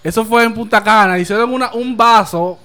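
A man's voice: high voice, brisk, sharp tone. A man with a Dominican accent hosting an open-air podcast in casual chat. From Dominican Republic. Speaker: podcast host.

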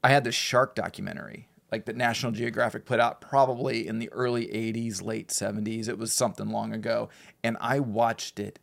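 A man's voice: fairly low pitch, steady tone, brisk, vocal fry, fairly bright tone. A man in his forties co-hosting a podcast, chatting casually and rambling with self-deprecating humor. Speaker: podcast co-host. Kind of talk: casual chat.

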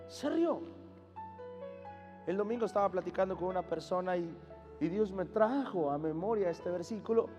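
A man preaching as a pastor, calling the crowd to repeat after him and acting out the voices he quotes. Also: high voice. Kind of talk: sermon. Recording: long hall reverb, faint music behind.

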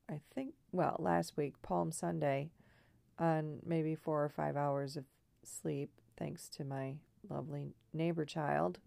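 A woman with a scratchy, hoarse frog voice, talking casually and reflectively in a rambling personal monologue. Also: low-pitched, warm tone, no echo. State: throat trouble, hoarse.

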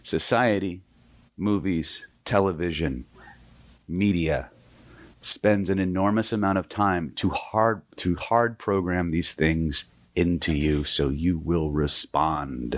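Male seminar instructor from Oklahoma with a deep voice, emphatic delivery and rhetorical check-ins, dry recording. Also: slow, no echo. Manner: emphatic, peppered with rhetorical "right?". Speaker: hypnosis instructor. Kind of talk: seminar lecture to a live audience.

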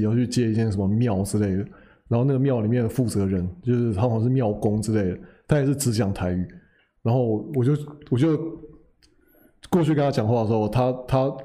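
A man's voice: mid-range voice, dark tone. A young man telling a story in a casual podcast chat, rambling and correcting himself as he goes. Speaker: podcast co-host.

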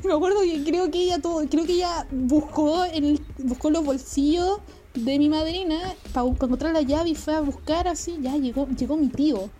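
Chilean woman, high and warm-toned, slangy anecdote teller who swears and laughs a lot. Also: moderate pace. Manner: slangy, swears often, laughs through stories. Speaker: storyteller. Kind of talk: casual anecdote telling.

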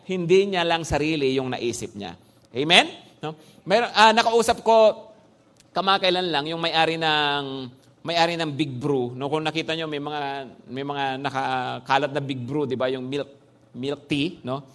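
Animated pastor preaching, high voice. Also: male voice, unhurried. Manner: animated preaching, frequent "no?" tag questions, mixing English phrases. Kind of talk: sermon.

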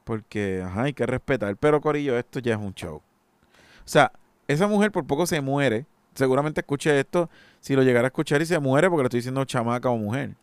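A man holds forth alone on his podcast, exasperated and insistent. His voice is smooth and resonant, sitting at an ordinary male pitch. The sound is close and dry, with no room around it. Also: a little fast, no echo. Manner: indignant, emphatic, exasperated. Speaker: podcast host. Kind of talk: solo opinion monologue.

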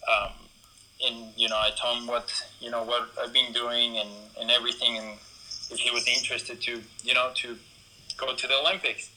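A man's voice: mid-range voice, flat delivery, moderate pace, bright, forceful tone, poor audio. A young man from Ecuador, a BMX racer, talking casually in an interview with lots of fillers and restarts. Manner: rambling, many fillers and restarts.

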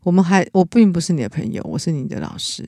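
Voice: medium pitch, very animated, quick pace, gravelly, a little mellow, dry recording, studio quality. 一位带台湾口音的老师，在闲聊中恳切地讲自己的经历，常常停顿重说。. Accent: Taiwanese Mandarin. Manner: earnest, with frequent restarts. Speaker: teacher, podcast co-host. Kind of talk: casual chat, personal story.

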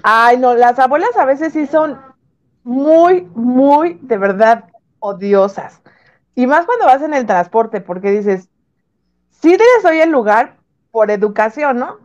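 A woman's voice: high voice, lively intonation, slow, highs cut off. A woman chatting as a radio host, laughing and acting out other people as she tells stories. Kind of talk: casual radio chat.

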